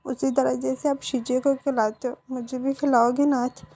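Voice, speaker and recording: Woman doing a remorseful young son, tearful, stammering, soft and high, gravelly, dark. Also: level tone, moderate pace. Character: remorseful young man begging his mother's forgiveness.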